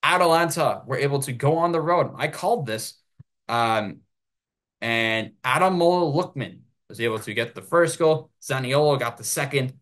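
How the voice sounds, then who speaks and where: An American man hosting his own sports show, giving solo commentary and ranting in an animated way. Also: mid-range voice, moderate pace.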